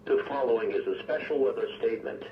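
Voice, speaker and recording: An automated radio announcer with a synthetic-sounding, medium-pitched male voice reads formal emergency weather bulletins in a measured, impersonal manner. The weather radio broadcast is picked up on a receiver from a distance and sounds muffled, noisy, and echoey.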